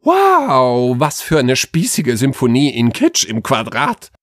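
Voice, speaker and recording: Man putting on a panicky hungover young woman, husky, jumpy pitch, dry sound. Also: huge pitch swings, slow, dry recording, exaggerated voice. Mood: flustered. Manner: flustered, rambling. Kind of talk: comic audio story.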